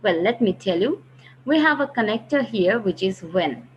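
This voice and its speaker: A woman's voice: medium pitch, expressive, moderate pace. A woman teaches a grammar lesson, patiently explaining and repeating key phrases. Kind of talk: recorded online grammar lesson. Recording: dull lo-fi recording with faint hiss.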